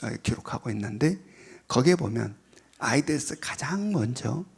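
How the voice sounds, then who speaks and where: A man preaching a sermon as pastor, repeating key phrases and swinging between loud emphatic lines and whispered asides. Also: medium pitch, creaky, breathy edge.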